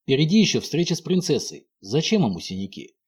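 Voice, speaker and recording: A man's voice: on the high side, sing-song, a little fast, a little mellow, slightly rough. A man reading a fairy tale aloud in a playful, ironic storytelling manner. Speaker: narrator.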